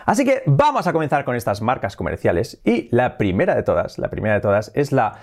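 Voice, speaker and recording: A man from Spain with a Spanish accent, hosting a casual video lesson, animated and laughing often as he switches between Spanish and English. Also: medium pitch, brisk. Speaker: English teacher, channel host.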